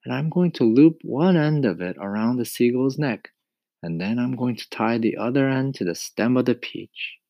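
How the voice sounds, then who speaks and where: A man voicing a calm, resourceful young boy in a storybook reading, earnestly explaining a plan. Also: medium pitch, normal speed, dry recording, lo-fi sound, voice pushed up, close to an everyday voice.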